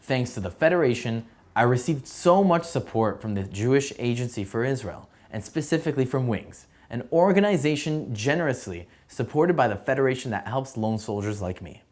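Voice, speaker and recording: A young man from San Diego, a soldier, reading his personal testimony in a steady, earnest way. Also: medium pitch. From San Diego, USA. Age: young adult. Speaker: soldier telling his story.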